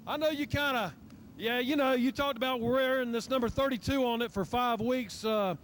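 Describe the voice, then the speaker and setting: Folksy high-voiced track interviewer. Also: male voice, moderate pace, a bit bright, a little hiss or hum. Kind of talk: post-race interview. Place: outdoor racetrack.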